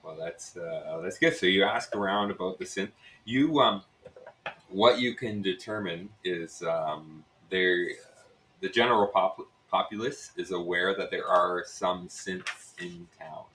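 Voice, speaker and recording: A man narrating as game master, relaxed and halting, with many fillers. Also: low voice, a little hiss or hum, poor audio.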